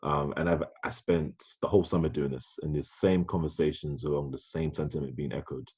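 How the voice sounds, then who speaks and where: A man with a very deep, dark and husky voice hosts a podcast conversation. He talks thoughtfully and often restarts his sentences. The recording sounds dull and lo-fi. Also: steady tone, brisk. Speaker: podcast host.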